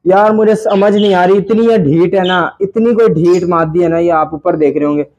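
A Pakistani man vlogs casually about the birds in his indoor aviary, chattering in an exasperated, complaining way. His voice is high-pitched with a darkish tone and moderate pace, and the dull-sounding, noisy recording is filled with birds chirping and squawking.

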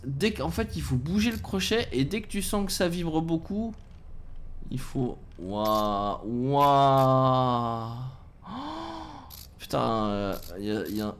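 A man streaming live as he plays a game, reacting out loud, often swearing and groaning in frustration. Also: medium pitch, sing-song, slow.

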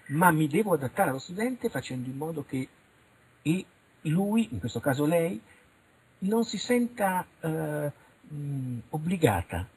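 Middle-aged man, husky and very rough, animated interview guest. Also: mid-range voice, low-quality recording. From Italy. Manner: animated, frank, acts out little dialogues. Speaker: interviewed researcher. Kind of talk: radio interview, casual monologue.

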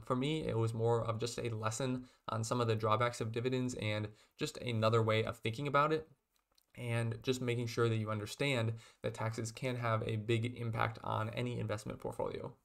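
A young man in his twenties casually explaining investing lessons to his webcam from a small room, with steady delivery and frequent fillers like "um" and "kind of". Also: medium pitch, moderate pace, gravelly. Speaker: investing video host.

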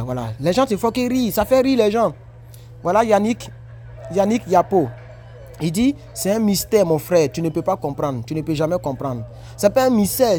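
Animated man vlogging on a break. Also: fairly high pitch. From Ivory Coast. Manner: animated, repetitive, preachy. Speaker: vlogger reacting to comments. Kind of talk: casual commentary. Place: at work on a break.

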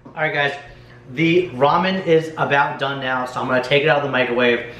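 A man's voice: medium pitch, steady tone, fairly quick, a bit bright, slight background noise. Echoey, slangy young American man. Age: young adult. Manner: slangy, swearing. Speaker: host of a challenge video. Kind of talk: casual vlog chat to camera. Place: home kitchen, indoors. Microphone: camera mic a few feet away. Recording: echoey kitchen, faint music behind.

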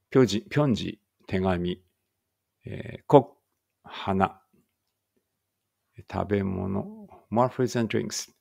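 A man from an English school slowly reading Korean vocabulary aloud with Japanese meanings, stumbling now and then and adding small asides, with a trace of an Ibaraki accent. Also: deep voice, gravelly, a little mellow. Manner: reads each word then its meaning, with small slips and asides. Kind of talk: slow read-aloud vocabulary practice.

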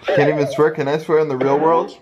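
Slightly high-voiced young man vlogging casually. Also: flat delivery, a little fast, dull audio, loud music behind the voice. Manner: slangy, laid-back. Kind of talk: casual reaction vlog chat. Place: bedroom, reclining on a bed.

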